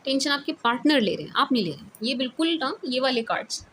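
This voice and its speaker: A woman's voice: high voice, very animated, fast, a bit bright, a little hiss or hum. A woman giving a casual tarot reading to camera, switching between Hindi and English. She repeats her points for emphasis and often breaks into laughter. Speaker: tarot reader. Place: away from her usual recording spot.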